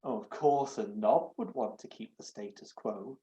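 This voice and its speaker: A man voicing an earnest, soft-hearted young male adventurer who argues with some heat. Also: fairly low pitch, normal speed, natural voice. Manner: earnest, mildly argumentative. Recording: echoey, dull home recording.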